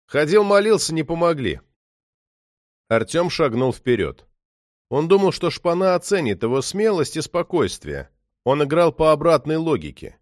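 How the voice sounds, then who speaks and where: A man's voice: a little high, big pitch swings, normal speed, no echo. Man narrating an audiobook, dry sound. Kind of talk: scripted narration.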